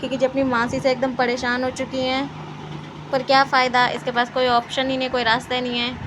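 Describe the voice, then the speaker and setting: High-voiced young woman teasing at home. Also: completely flat delivery, a little fast. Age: young adult. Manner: teasing, playful. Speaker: vlogger. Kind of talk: casual vlog chat. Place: home, indoors. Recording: home recording with clear background noise.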